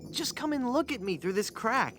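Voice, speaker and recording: A man's voice: extremely high pitch, very animated, normal speed, over music. A man playing a hapless, earnest adventurer in a comic adventure game, pleading and bluffing theatrically as a would-be ghost.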